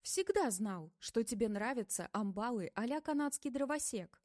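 A woman voicing an angry, jealous adult man who accuses his former partner in sarcastic tones, read in a fairly high voice in a dry room. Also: lively intonation, moderate pace, darkish tone, dry recording, lightly acted. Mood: accusing.

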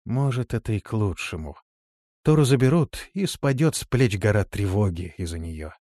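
A man's voice: lowish voice, lively intonation, normal speed, dark tone, dry recording, studio quality. A man voicing a proud, commanding female elf warrior in an audiobook, speaking sharply. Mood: rueful. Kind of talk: audiobook character voice.

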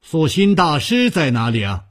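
A man voicing a young swordsman hero who mutters to himself and breaks into exclamations, in a husky, lively voice. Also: mid-range voice, slow, no room sound, clean studio sound, exaggerated voice. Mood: startled. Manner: muttering, then bursting into exclamations. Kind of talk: storytelling performance.

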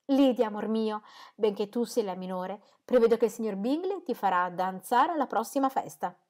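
A woman reading aloud, voicing a fussy, excitable middle-aged mother who complains about her nerves. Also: medium pitch, moderate pace, natural voice. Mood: delighted. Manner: exclamatory and complaining.

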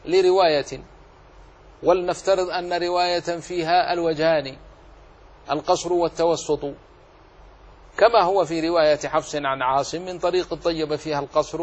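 A man teaching as a sheikh, explaining a classical poem on recitation rules line by line, deliberate and repeating key phrases for emphasis. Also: on the high side. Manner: demonstrates recitation between explanations.

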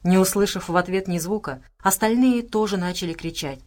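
A woman reads an audiobook in a steady, dramatic narrating voice. Her pitch sits in the middle of the range for a woman. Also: fairly quick.

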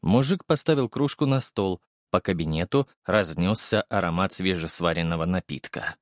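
Brief: male narrator, lowish voice, steady first-person audiobook read, dry booth sound. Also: moderate pace, no echo.

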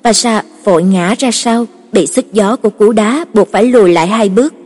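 A woman narrating a novel in a steady, even storytelling voice. Her voice is husky. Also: mid-range voice, moderate pace. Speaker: audiobook narrator. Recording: reverberant, with soft background music.

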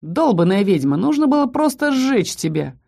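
A woman's voice: medium pitch, big pitch swings, moderate pace, vocal fry, warm tone. A woman voicing a cruel, cold-nerved male count who snaps orders with irritation. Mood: furious. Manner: irritated, icy, snapping.

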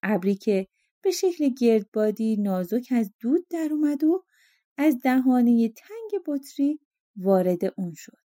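Audiobook narrator, woman, calm fairy-tale reading, high-pitched, dry close sound. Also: no room sound. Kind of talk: storybook narration.

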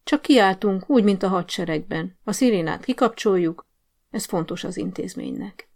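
A woman's voice: medium pitch, creaky, darkish tone. A woman voicing a bossy, scheming male prison sergeant-major who barks orders at a guard in an audiobook story. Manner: commanding, barking orders.

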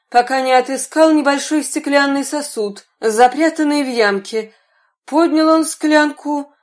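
A woman narrating a fairy tale in an even, measured storybook reading. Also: sits high.

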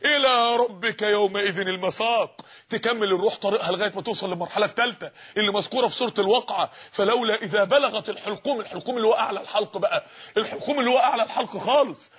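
A man with an Egyptian Arabic accent and a husky voice, preaching a fervent sermon full of pleading, repeated rhetorical questions. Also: high voice, very fast, fairly bright tone, muffled recording.

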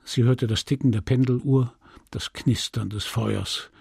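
Slow, husky male audiobook narrator. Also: mid-range voice, steady tone, no room sound, clean studio sound. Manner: measured, dramatic, hushed in grim passages. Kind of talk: literary audiobook reading.

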